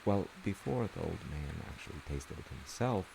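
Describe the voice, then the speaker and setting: In an audio roleplay, a storyteller playing a dad tells a bedtime folktale in a deep, gravelly male voice. He's animated at a normal speed, wry and conversational with hesitant asides. The recording is hissy, with rain in the background.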